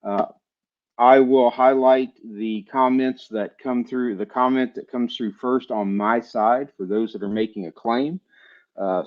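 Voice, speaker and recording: A man from Texas hosting a live comic book sale stream, talking in a relaxed, chatty way with many fillers. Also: medium pitch, muffled recording. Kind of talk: casual live-stream sales chat.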